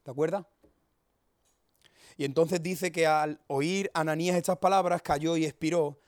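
Male preacher, high-pitched, fiery and emphatic, dry close sound. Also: fairly even intonation, dry recording. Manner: fiery and emphatic, swings from loud warnings to quick humorous storytelling. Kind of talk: sermon.

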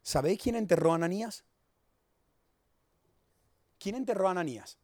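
A man preaching a sermon to a congregation, swinging from loud emphatic warnings to quick, joking storytelling. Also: high voice, lively intonation, no echo, clean studio sound.

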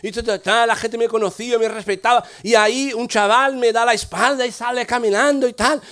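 A middle-aged man preaches with a notably high voice. He is a pastor telling a humorous story, acting out the dialogue in a lively, anecdotal way. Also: brisk.

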